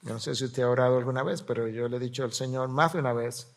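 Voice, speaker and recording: A man's voice: medium pitch, steady tone, fast. A middle-aged man preaching as a pastor in a Bible class, emphatic, repeating words for stress and reading Scripture aloud.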